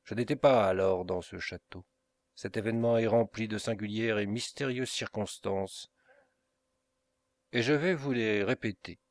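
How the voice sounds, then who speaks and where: A man voicing a brooding, proud middle-aged Italian nobleman, speaking in a grave, measured way for an audiobook. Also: fairly low pitch, dry recording.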